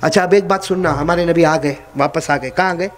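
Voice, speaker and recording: A man with a Hyderabadi Urdu accent preaching a sermon, joking with the audience and quizzing them for answers at a religious gathering. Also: a little high. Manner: jokey, quizzes and teases the audience. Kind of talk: sermon with call-and-response.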